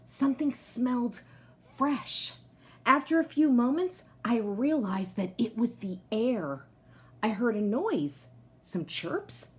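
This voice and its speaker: This medium-pitched woman reads aloud from a picture book for children. Her delivery is expressive and teacher-like, sprinkled with friendly remarks aimed at the young listeners.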